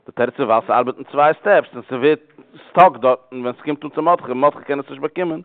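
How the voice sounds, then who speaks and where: Male teacher, very fast, repetitive explainer; thin phone-line audio. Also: mid-range voice, no room sound. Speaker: religious law teacher. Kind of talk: religious law class.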